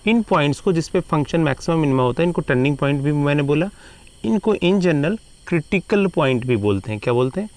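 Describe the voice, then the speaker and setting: A man teaching a math lesson, switching between Hindi and English and slowing down to repeat key terms. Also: a little high, lively intonation, darkish tone, dry recording. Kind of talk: classroom lecture.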